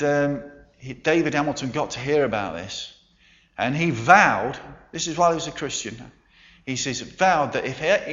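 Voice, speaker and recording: Male preacher, mid-pitched, unhurried storyteller, roomy and slightly dull recording. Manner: storytelling, emphatic pauses, soft endings. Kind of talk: sermon.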